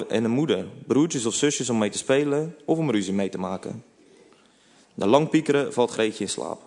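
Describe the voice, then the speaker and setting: A man narrating a children's storybook in a calm, gentle way. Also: mid-range voice, vocal fry. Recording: long reverb.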